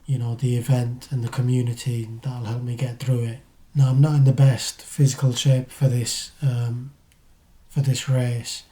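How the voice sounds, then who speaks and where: Low-key British man, flat and mellow. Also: normal speed, breathy edge. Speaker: vlogger. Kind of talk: casual vlog talk to camera.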